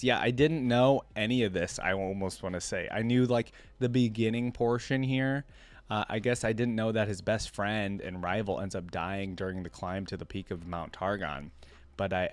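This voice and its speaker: A low-leaning male voice, recorded without echo, hosts a reaction video. Reading aloud gives way to casual, stream-of-consciousness commentary and back again.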